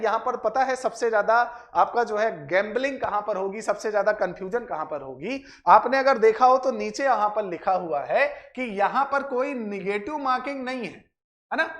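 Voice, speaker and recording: This is an exam-prep teacher and channel host whose voice is medium in pitch with a touch of brightness. Teaching students, the speaker repeats key points and checks understanding through short tag questions.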